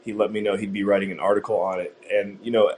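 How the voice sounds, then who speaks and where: A man's voice: on the low side, flat delivery, fast talker, darkish tone, slight background noise. A man hosting an online talk show, chatting casually with many fillers and restarts. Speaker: podcast host. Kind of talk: casual interview chat.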